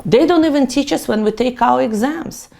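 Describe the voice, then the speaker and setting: Speaking to the camera at an ordinary pace, this middle-aged tax accountant from Russia gives an emphatic lecture full of playful self-mockery. She has a Russian accent and a high, warm voice with a creaky quality.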